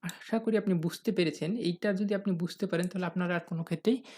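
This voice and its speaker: A patient English grammar teacher giving a recorded lesson. The teacher asks questions and answers them, addresses the viewers as learners, and reads example sentences slowly. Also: mid-range voice, mellow.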